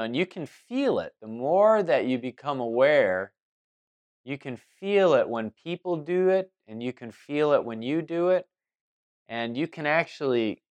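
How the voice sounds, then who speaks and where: A man giving a loose spoken monologue as host, restarting sentences and circling back with fillers as he talks. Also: medium pitch. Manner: rambling, many restarts and fillers. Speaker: spiritual talk host.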